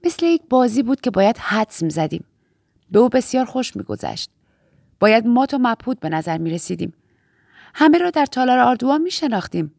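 A woman narrating a first-person audiobook in a steady, even reading voice. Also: fairly high pitch, gravelly, no echo, clean studio sound.

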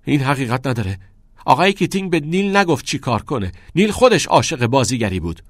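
A man's voice: medium pitch, very animated, no echo, clean studio sound, voice pushed up. A man voicing a shy but earnest teenage schoolboy speaking firmly.

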